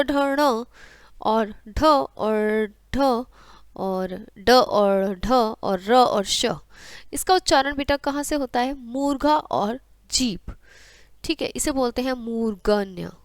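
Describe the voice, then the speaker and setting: A woman's voice: on the high side, a bit bright, smooth, dry recording, studio quality. A young adult woman, teaching a grammar lesson to schoolchildren, calling them beta and reciting the letters aloud in drills. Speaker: Hindi teacher.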